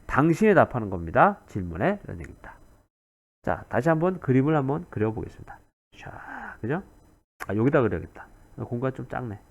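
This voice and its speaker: Male grammar teacher, lively up-and-down delivery, repeats key points, muffled lo-fi recording. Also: on the low side, vocal fry. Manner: animated, repeats key words, asks 그죠 often.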